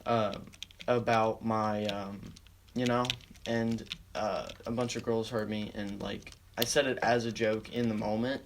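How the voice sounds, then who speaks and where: A man's voice: lowish voice, flat delivery, unhurried, noisy background. A teenage boy telling a story in a casual storytime narration, rambling with heavy swearing and many fillers. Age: teens.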